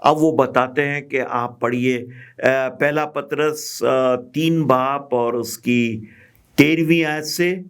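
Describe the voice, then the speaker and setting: A man teaching a group Bible study, explaining passages slowly and patiently, with pauses and fillers. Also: mid-range voice, steady tone, a bit bright, clean tone.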